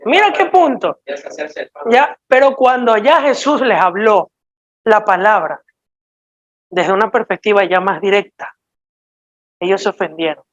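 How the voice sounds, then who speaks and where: A woman's voice: medium pitch, lively intonation, a little slow, long pauses. A woman with an Ecuadorian accent preaching a sermon in a direct, emphatic, scolding way to a church congregation. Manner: emphatic, direct and scolding, with sudden swings in loudness. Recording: dull lo-fi recording.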